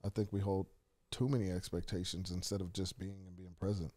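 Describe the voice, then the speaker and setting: A man's voice: low voice, flat delivery, a little fast, dark tone. A man hosting a podcast in casual chat, motivational and swearing casually. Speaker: podcast host.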